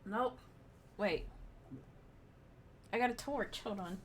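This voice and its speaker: A woman's voice: mid-range voice, takes it slowly, slight background noise. A woman playing a tabletop role-playing game, chatting casually and thinking aloud.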